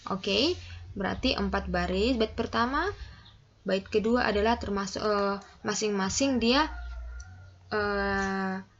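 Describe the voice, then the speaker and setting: A woman's voice: medium pitch, takes it slowly, long pauses, dull audio. A woman teacher giving a class lesson, explaining step by step with frequent "oke" and "ya" check-ins.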